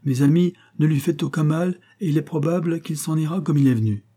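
A man voicing a calm, level-headed fort lieutenant in an audiobook, reasoning in a measured way with a dark, husky voice. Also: a little high, pitched above the performer's own voice.

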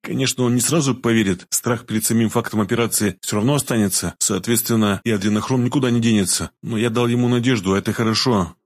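A man reading a first-person audiobook narration in a calm, matter-of-fact way. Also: fairly low pitch, fast talker, few pauses, dry recording.

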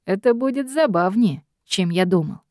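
A woman's voice: mid-range voice, expressive, normal speed, a little mellow, no echo, clean studio sound, natural voice. A woman doing a smug male demon boss. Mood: mocking.

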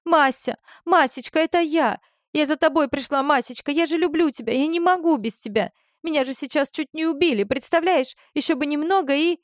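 A woman's voice: high voice, animated, moderate pace, no echo, clean studio sound, pitched above the performer's own voice. A woman voicing a desperate young woman who pleads with her former lover. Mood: pleading desperate. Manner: pleading, breathless.

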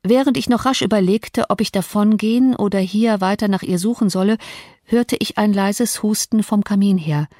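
A woman's voice: medium pitch, warm tone, no room sound. Dry-voiced woman reading an audiobook. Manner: measured literary reading. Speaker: audiobook narrator. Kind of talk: scripted narration.

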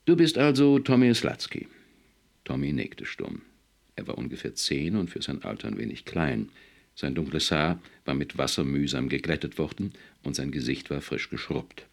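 A man reading a science-fiction story aloud as an expressive audiobook narrator. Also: very deep voice, normal speed, creaky. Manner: expressive, varied. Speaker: audiobook reader. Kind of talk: scripted narration.

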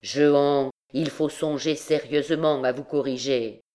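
A woman's voice: low-pitched, steady tone, measured pace, warm tone. A woman reading a stern old archdeacon. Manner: curt, grave admonishing. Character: stern older male archdeacon, severe and grave. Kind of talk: audiobook reading of a classic novel.

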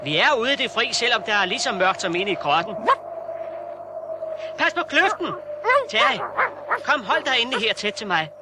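A man's voice: high-pitched, animated, hardly any pauses. An actor playing a brave, determined young reporter who talks to his dog, in a radio play. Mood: searching. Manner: earnest, calling out to his dog. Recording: noisy old radio-play recording.

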